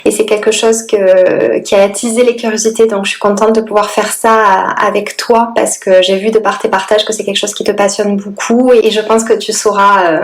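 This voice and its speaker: A woman hosting a podcast, speaking softly and warmly about slow living, then chatting with a guest. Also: medium pitch, level tone. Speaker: podcast host. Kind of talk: scripted intro then casual interview.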